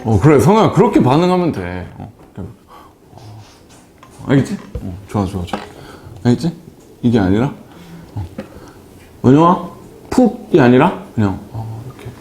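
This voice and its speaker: A man's voice: mid-range voice, big pitch swings, normal speed, pauses often, darkish tone, slight background noise. A man teaching a math class, chatting with students and teasing them by name between explanations. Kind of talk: classroom lecture with banter.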